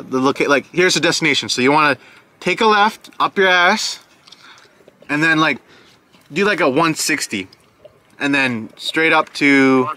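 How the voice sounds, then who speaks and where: A man's voice: a little high, bright, forceful tone. A man talking with candy in his mouth, rambling through mock directions in crude banter with friends, filler words everywhere. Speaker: friend in a group recording.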